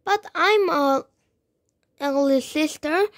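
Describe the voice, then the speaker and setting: Eager little storybook girl, very high, pleading, voiced by a woman. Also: slow, no room sound, clean studio sound.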